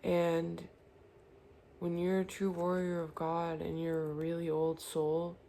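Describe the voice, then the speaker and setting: A woman's voice: lowish voice, completely flat delivery, takes it slowly, mellow, a little hiss or hum. A woman giving an earnest, reassuring spiritual tarot reading, speaking directly to the viewer. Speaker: tarot reader.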